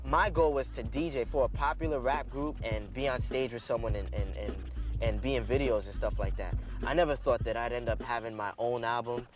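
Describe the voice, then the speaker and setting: A man's voice: mid-range voice, fairly quick. A man from Queens, a turntablist talking casually and reflectively in a documentary interview. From Jackson Heights, Queens, New York. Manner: reflective, conversational, with casual slang. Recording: interview under loud music. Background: loud hip-hop music.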